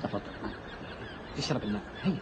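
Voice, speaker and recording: A devout, fatherly cartoon sheikh who speaks very fast with a lively, rising and falling voice, as a man acts him out. He sounds gentle and preaching. Steady noise runs behind him. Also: fairly low pitch, close to an everyday voice. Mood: soothing. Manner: warm, preaching, lively delivery. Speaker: boat sailor. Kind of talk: animated film dubbing. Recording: noisy soundtrack background.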